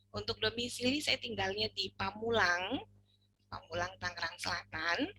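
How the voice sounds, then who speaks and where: A woman's voice: on the low side, sharp tone, a little hiss or hum, rough recording. A woman from North Sumatra, a children's ministry trainer, introducing herself in a friendly, joking, conversational way at an online workshop. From North Sumatra, Indonesia.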